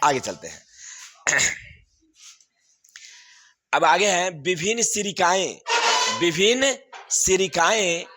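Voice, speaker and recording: A man's voice: high-pitched, very animated, slow pace, pauses often, sharp tone, slight background noise. A man, teaching a class and going over exam answers, repeating questions and laughing often.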